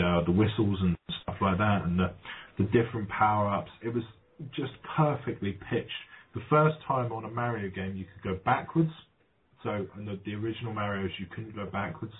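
A man chatting casually, reminiscing in a rambling way with many ums and restarts. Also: lowish voice. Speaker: podcast guest. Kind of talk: casual chat. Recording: tinny phone-like line, faint noise.

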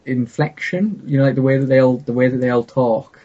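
Male, Teesside accent, husky voice, casual hesitant chat, slightly dull lo-fi recording. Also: medium pitch, steady tone, normal speed, mellow. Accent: north-east English, Teesside. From north-east England, Teesside area. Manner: rambling, hesitant, often breaking off mid-sentence. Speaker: gaming video creator, interview guest.

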